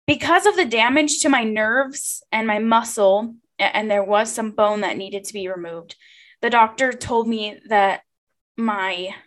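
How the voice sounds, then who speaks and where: A young woman speaks as the host of a personal podcast. Her voice sits a little high and her delivery is very unhurried. She is informal and chatty, confiding in the listener.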